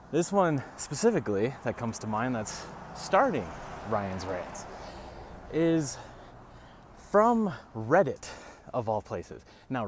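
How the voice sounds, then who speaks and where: A man's voice: lowish voice, slight background noise. A man, a realtor, ranting casually to camera while walking outdoors, a bit out of breath. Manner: animated, wry, sarcastic asides. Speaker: realtor vlogger.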